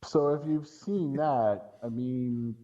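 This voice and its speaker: A man, likely a podcast co-host or guest commentator, chats casually and bluntly about films in an informal discussion. His mid-range voice is warm and slow-paced. The audio is dull and lo-fi.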